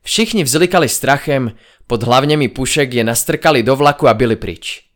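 A man reading a first-person audiobook aloud in a dramatic, expressive style. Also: mid-range voice. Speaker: audiobook narrator.

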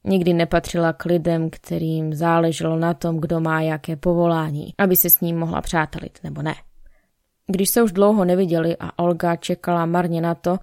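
A woman reading a story aloud in a calm, wry manner, voicing the characters' dialogue herself. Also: on the low side, creaky, no echo, clean studio sound. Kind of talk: audiobook narration with dialogue.

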